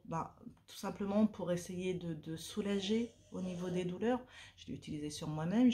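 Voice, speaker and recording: Hesitant woman chatting warmly to camera. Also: deep voice, a little hiss or hum. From French Guiana. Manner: many hesitations and repeated words. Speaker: vlogger and sophrologist. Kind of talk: casual vlog talk to camera. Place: at home, a dog snoring nearby.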